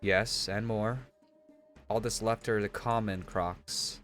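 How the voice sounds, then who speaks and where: Man as an earnest frog envoy, formal, low voice, faint music. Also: steady tone, slow pace, fairly bright tone.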